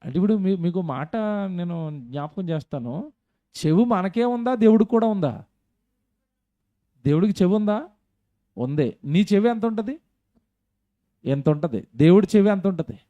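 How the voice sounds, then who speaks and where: A man's voice: sits high, lively intonation, normal speed, long pauses, dark tone, dry recording, highs cut off. A man preaching a sermon in a conversational way, often asking his congregation questions and acting out quoted voices. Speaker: pastor.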